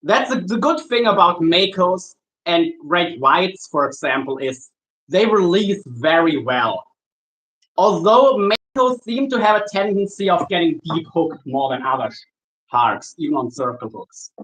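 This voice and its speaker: A man from Germany, a shark angler chatting casually with viewers while he works, easygoing and halting, often restarting his sentences. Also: fairly high pitch, sing-song, fairly bright tone, rough recording. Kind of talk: casual livestream chat while working.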